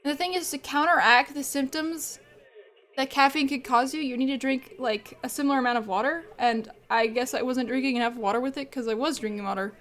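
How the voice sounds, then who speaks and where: Talking briskly in a high, fairly bright voice, a woman streamer casually chats with her viewers. A cold plus allergies leave her stuffed up, and she keeps rambling and laughing.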